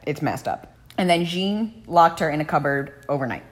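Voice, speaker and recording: Woman podcast host, deep voice, blunt casual true crime storyteller. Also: expressive, moderate pace. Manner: casual, blunt, swears often.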